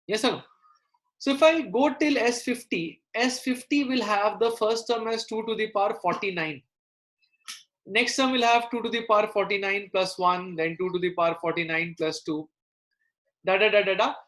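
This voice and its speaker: A man's voice: high-pitched, fairly bright tone. A man teaching a live online maths lesson, explaining step by step and checking in with questions. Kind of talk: live online lesson, working through problems aloud. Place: indoor room, live online class.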